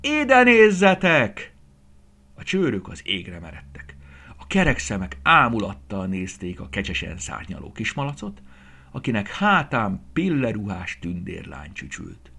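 A man reading a children's story aloud in an expressive way, sometimes dropping to a soft whisper. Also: low voice, vocal fry, slightly rough.

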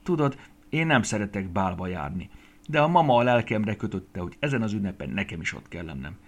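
Brief: male reader voicing a bashful little star girl, friendly, lively pitch jumps.

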